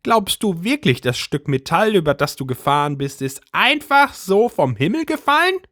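A man's voice: high-pitched, sing-song, moderate pace, a bit bright, dry recording, clean studio sound, pitched above the performer's own voice. A man voicing a suspicious, bossy middle-aged housewife who talks in an indignant, conspiratorial way. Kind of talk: storybook reading.

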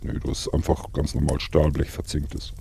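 A man with an extremely deep, gravelly, raspy voice, recounting events calmly and matter-of-factly. His delivery is flat and dark. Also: normal speed. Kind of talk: in-character survival role-play chat.

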